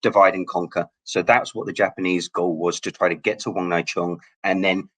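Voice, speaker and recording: A man's voice: low-pitched, fairly even intonation, fairly bright tone. A man from Hong Kong, a guest telling stories in a casual interview, often restarting his words. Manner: rapid, with frequent word restarts. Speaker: guest, local relic hunter.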